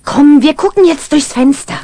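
A woman's voice: sits high, normal speed, no room sound, close to an everyday voice. Bibi, a woman playing a cheeky little witch girl. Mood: eager. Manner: eager, lively intonation. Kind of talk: children's radio play acting.

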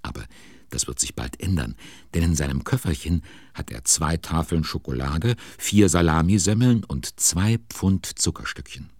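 A man narrates a children's audio story in a playful, amused tone. His voice is extremely deep and gravelly, slow and husky, recorded close and dry. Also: lively intonation, a little mellow, no echo.

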